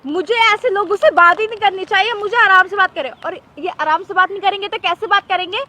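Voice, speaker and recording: A woman's voice: extremely high pitch, fast, pushed and bright. A young woman in a staged street skit, talking in a haughty, scolding way and raising her voice, outdoors on a city street. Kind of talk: scripted street confrontation skit.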